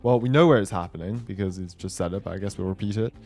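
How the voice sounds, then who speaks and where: This gameplay host talks quickly in a lowish, somewhat mellow voice, musing aloud and working through decisions while he plays. Music runs underneath his casual commentary.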